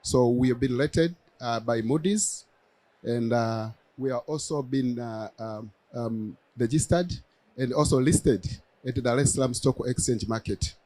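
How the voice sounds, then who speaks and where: Male panelist, Tanzanian accent, formal and hesitant delivery, mid-pitched voice, very dry sound. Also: warm tone, dry recording, rough recording. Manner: halting, with frequent pauses and hesitations. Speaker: bank representative and panelist.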